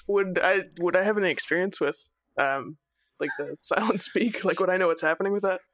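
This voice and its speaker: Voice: mid-range voice, brisk, fairly bright tone, no echo, clean studio sound. A player in a tabletop role-playing game, talking hesitantly with many fillers. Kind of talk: casual tabletop role-play.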